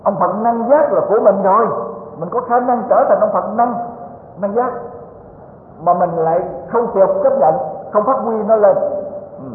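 High-voiced man preaching. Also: normal speed. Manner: folksy, joking, with frequent tag questions. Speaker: Buddhist teacher giving a dharma talk. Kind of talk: sermon. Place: lecture hall. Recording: tinny, echoey hall recording, faint hiss.

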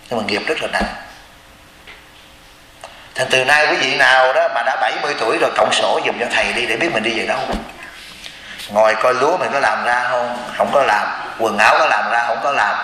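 A man's voice: mid-range voice, pushed and bright. A man, a Buddhist teacher preaching a sermon and keeps asking his listeners rhetorical questions. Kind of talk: sermon to a congregation. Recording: echoey hall with long reverb.

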